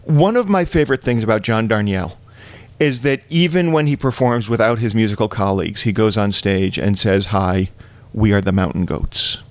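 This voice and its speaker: A man's voice: fairly low pitch, fairly quick. Wry, precise man telling a comic story. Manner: wry, precise and wordy delivery. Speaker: guest comedian and storyteller. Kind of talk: performed comic story reading.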